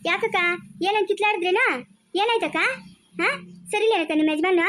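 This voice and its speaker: A woman performing a village comedy skit with a Chikkaballapur rural Kannada accent, chattering in fast, exasperated nagging. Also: very high-pitched, a bit bright.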